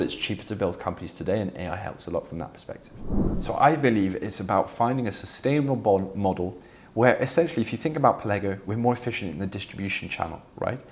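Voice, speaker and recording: As a guest in a conversational interview, a male startup founder from Belgium, a native Flemish speaker, answers candidly in a low voice. His speech is fluent yet full of fillers and restarts, and a little hiss or hum runs beneath the recording.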